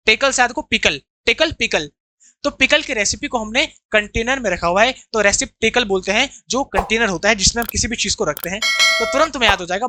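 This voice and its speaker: A man's voice: very high voice, sharp tone, dry recording. A man from India teaching English vocabulary in an online lesson, explaining each word and asking students to repeat after him, with an Indian accent.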